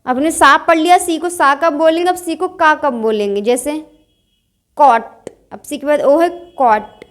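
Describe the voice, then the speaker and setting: A woman's voice: high-pitched, moderate pace, fairly bright tone. A woman teaching English pronunciation in Hindi, explaining step by step and asking and answering her own questions. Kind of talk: Hindi-medium pronunciation lesson.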